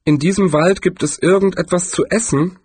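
A man's voice: high voice, fairly even intonation, normal speed, darkish tone, husky, no echo, pitched above the performer's own voice. A man voicing a naive, cheerful male tourist who keeps asking questions. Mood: eager curious.

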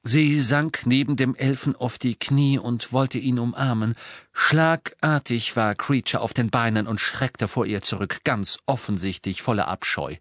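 A man reads an audiobook aloud in a steady, measured storytelling style. His pitch sits in the middle range, and the scripted narration is captured with clean studio quality and no echo.

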